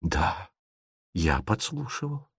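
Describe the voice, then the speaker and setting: A man voicing a hot-tempered young gentleman, jilted and indignant, with drawn-out shouted outbursts in a storybook reading. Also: mid-range voice, gravelly, no echo, studio quality, close to an everyday voice.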